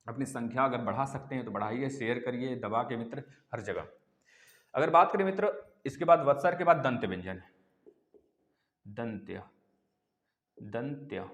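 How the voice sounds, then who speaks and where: A man giving an online exam-prep lesson at a medium pitch. He talks in an animated way, repeats each sound aloud and calls his listeners friends. His voice rings around an echoey room with a long reverb tail. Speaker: teacher.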